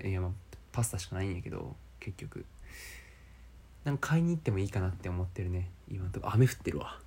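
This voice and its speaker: Young man, Kansai accent, solo podcast monologue, low pitch, mellow tone, self-mocking. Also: a little hiss or hum. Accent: Kansai Japanese. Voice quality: low speaking voice.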